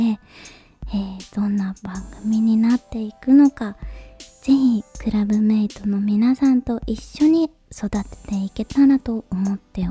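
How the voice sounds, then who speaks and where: A woman hosting a late-night podcast in a soft, breathy, whispery voice, speaking to listeners in extremely polite, formal phrasing. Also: medium pitch. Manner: ultra-polite, formal honorific Japanese phrasing. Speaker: podcast host.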